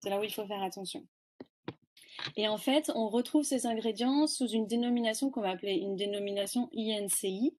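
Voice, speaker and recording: A woman's voice: mid-range voice, fairly quick, a little mellow. Woman explaining slides in a webinar. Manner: explanatory, hesitant with fillers. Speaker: presenter. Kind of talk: webinar presentation.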